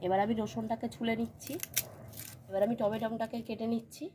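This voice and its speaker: A woman from Bengal, her voice on the high side and delivery flat and brisk, hosts a village home-cooking video. She narrates step by step in plain instructional language with repeated phrasing over loud sizzling and stirring.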